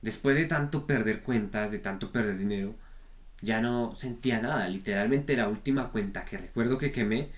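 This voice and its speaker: A man's voice: on the low side, normal speed. A man giving a frank, repetitive spoken lesson on trader psychology, often checking in with the listener. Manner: frank, repetitive, peppers talk with "¿vale?". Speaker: trading coach.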